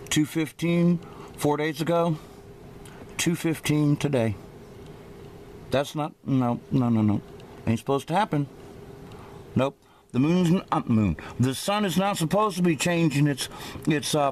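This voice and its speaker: Guy talking off the cuff on a home camcorder, kinda slurry swollen-mouth speech, lots of halting, faint noise behind. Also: a little high. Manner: hesitant, halting, often repeating himself. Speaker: amateur video blogger. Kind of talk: casual unscripted explaining to camera. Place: indoors at home by a window. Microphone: handheld camera microphone. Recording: noisy handheld camera recording.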